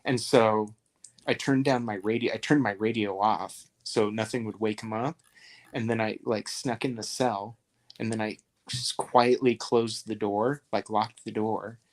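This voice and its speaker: A man's voice: lowish voice, fairly even intonation, measured pace. A man talking as a guest on a podcast, telling long rambling stories with plenty of fillers. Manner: rambling storyteller, acts out voices in anecdotes. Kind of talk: casual chat.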